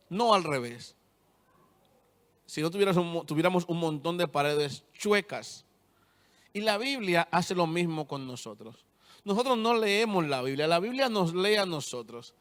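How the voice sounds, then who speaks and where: A young male preacher with a fairly high voice delivers a sermon, retelling scripture and pressing each point home with firm, repeated statements. His words ring out with a long reverb, as in a church hall. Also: fairly bright tone, smooth.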